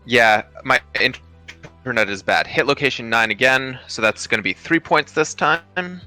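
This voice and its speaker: A man calls out tabletop game hits in slow, brief, matter-of-fact bursts over an online voice call. His voice is sharp and tense. The audio glitches and breaks up from a poor internet connection, with faint music behind. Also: medium pitch. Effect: choppy glitching audio from a bad internet connection.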